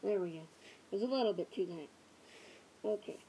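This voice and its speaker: A woman's voice: medium pitch, brisk, slight background noise. Muffled woman talking through a gas mask. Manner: talking loudly, almost yelling. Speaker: vlogger. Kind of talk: casual product review.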